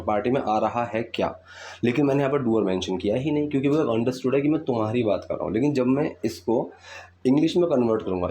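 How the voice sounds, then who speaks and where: Man, teacher, step-by-step explaining, warm dark tone, faint background noise. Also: mid-range voice. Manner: explains step by step, often checks with "ठीक है". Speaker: English teacher. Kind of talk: spoken English lesson explaining movie lines.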